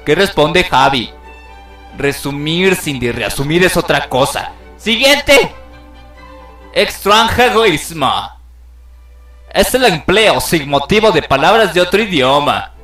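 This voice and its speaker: A man narrates a lesson in a playful, theatrical style, exclaiming in mock outrage at mistakes. His voice sits high for a man. He sounds distant in an echoey room, with faint music underneath. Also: expressive, a little slow, a bit bright. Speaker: video narrator.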